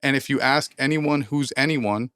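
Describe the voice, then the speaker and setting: This podcast co-host, a thirty-year-old rapper, rants emphatically with lots of profanity and motivational preaching in a casual chat. At normal speed, his steady mid-range voice comes across smooth and resonant through a dry close mic without room sound.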